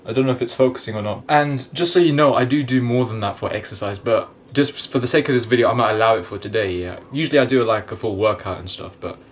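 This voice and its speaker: A man's voice: mid-range voice, quick pace, hardly any pauses, slight background noise. A young man vlogging from his bedroom at home, talking casually and rambling as he explains what he is doing. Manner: chatty, rambling, explains as he goes. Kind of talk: casual vlog.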